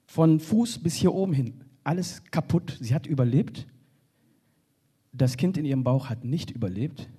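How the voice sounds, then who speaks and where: A man speaking earnestly on a panel from a stage, often halting and restarting. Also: fairly high pitch, animated, dark tone, husky. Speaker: panel speaker for a refugee organization. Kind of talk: spoken panel contribution. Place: stage in a hall.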